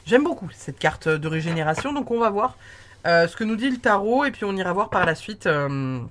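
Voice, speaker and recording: A woman giving a casual tarot reading, chatty and warm in tone, with many fillers and restarts. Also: medium pitch, animated, brisk, a little hiss or hum. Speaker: tarot card reader.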